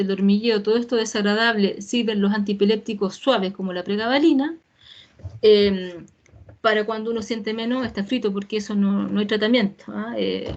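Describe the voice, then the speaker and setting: A woman giving an informal medical talk as a physician, explaining casually and checking in with tag questions like "right?", heard over a video call. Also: mid-range voice.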